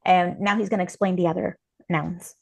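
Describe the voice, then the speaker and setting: A woman co-teaching a language class, explaining grammar rules step by step in a careful, measured way. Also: on the low side, fairly even intonation, creaky, a little hiss or hum. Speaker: interpreter and co-teacher.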